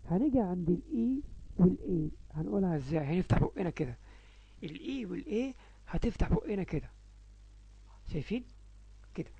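رجل بلهجة مصرية يشرح درسًا في الصوتيات الإنجليزية لأطفال صغار، ويمدّ أصوات الحروف ببطء. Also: male voice, high voice, vocal fry, breathy edge, muffled recording. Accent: Egyptian Arabic. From Egypt. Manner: slow, drawn-out sounding of letters. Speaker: English teacher for young children. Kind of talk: phonics lesson.

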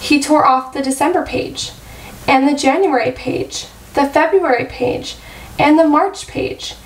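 A woman teacher reading a children's storybook aloud to her first graders in a slow, clear, gentle way. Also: sits high. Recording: roomy echo, distant mic.

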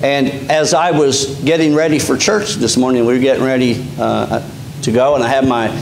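A middle-aged man with a Kentucky mountain accent preaches in a small sanctuary, speaking in a relaxed, conversational way and often restarting his phrases. His voice sits in an ordinary middle pitch and rings off the walls of the room. A faint hum runs beneath his words. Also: normal speed, creaky, echoey room. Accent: Appalachian Kentucky. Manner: conversational preaching with frequent restarts and fillers, gesturing while standing. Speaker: pastor. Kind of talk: sermon. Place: small church sanctuary, indoors.

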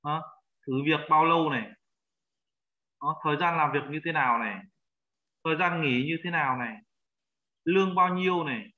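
Man, language teacher, patient, repeats words for learners, fairly high voice, dull lo-fi sound. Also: normal speed, long pauses. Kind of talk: language lesson.

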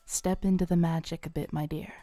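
In this scripted roleplay, a young woman voices a fairground fortune teller, close-miked and smooth, coaxing softly with a gentle tease. Her pitch is low and her intonation fairly even, her pace fairly quick, and the room is silent.

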